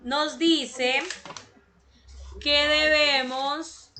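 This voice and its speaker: A woman teaching an online class over a video call, repeating words slowly and clearly. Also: high voice, fairly even intonation, bright, forceful tone, a little hiss or hum. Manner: slow, repeats words syllable by syllable.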